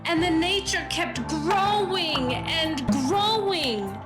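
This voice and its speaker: A woman narrating a children's fable in a calm, unhurried way. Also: very high voice. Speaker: storyteller. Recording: with loud music behind.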